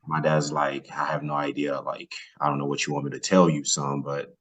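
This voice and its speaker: A former athlete from northern Nigeria tells his own story as a podcast guest, speaking casually and colloquially with plenty of "man" and "you know." His voice rumbles low yet sounds fairly bright, with a level tone at normal speed.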